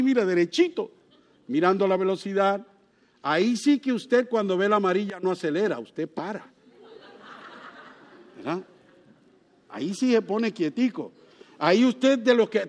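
A man preaching a sermon, telling stories with sudden exclamations and asking his listeners questions. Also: high-pitched. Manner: animated storytelling with sudden exclamations; asks the congregation questions.

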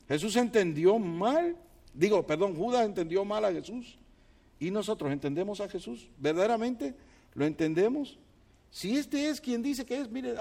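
A man preaching a sermon as a pastor, acting out his church members in quick asides and rising to shouted peaks before dropping to quiet, low remarks. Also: vocal fry. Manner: acts out quoted church members in conversational asides.

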